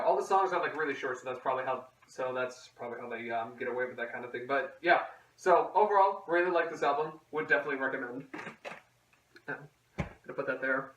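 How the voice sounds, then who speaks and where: Echoey young man, higher-pitched, rambling vlogger. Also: a bit bright. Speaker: host of a music collection video series. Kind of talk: casual vlog chat to camera. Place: echoey indoor room. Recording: very echoey room, distant mic.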